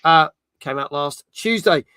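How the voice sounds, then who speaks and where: A casual gaming stream is led by a British man in his forties who chats and reads incoming comments aloud. Captured close and dry, his high, bright, forward voice is smooth and measured in pace.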